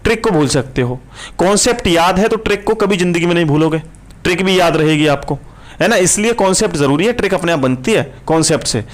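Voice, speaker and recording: Male tutor, fairly high voice, brisk live class, keeps asking students questions. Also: expressive. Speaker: reasoning teacher.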